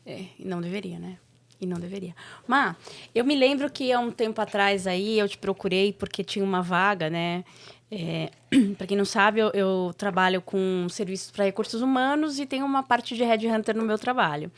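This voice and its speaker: A woman's voice: medium pitch, normal speed. A woman hosting a casual interview, asking friendly, encouraging questions with frequent tag questions. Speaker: host.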